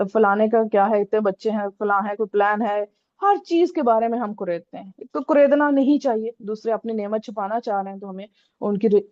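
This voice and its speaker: A woman's voice: fairly high pitch, no echo, muffled recording. A woman teaching a religious lesson in a conversational way, often checking in with her listeners. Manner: conversational, repeats "theek hai" often. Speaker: Islamic teacher.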